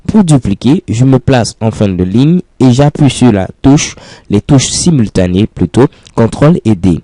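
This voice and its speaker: This is a French coding tutorial recorded over the screen, where a man explains things patiently one step at a time and repeats important phrases. He has a dark-toned, mid-range voice that is animated yet measured in pace, with no room sound.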